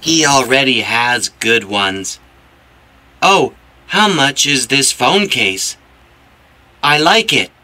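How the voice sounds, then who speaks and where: A man voicing a slow, bright textbook shopper. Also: medium pitch, very animated, exaggerated voice. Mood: polite. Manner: slow, carefully enunciated textbook English. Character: man shopping or serving, plain and polite. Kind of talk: scripted textbook listening dialogue.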